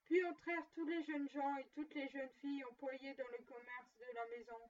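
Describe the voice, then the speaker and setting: A woman reading a classic tale aloud with steady, measured narration. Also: sits high. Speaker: reader. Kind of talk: storybook reading. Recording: dull distant lo-fi recording.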